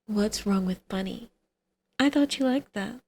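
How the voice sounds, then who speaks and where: In an ASMR roleplay, a woman with an unhurried, mid-range, slightly mellow voice plays a flirty female villain who is also a doting mother, teasing and coaxing with a sardonic edge.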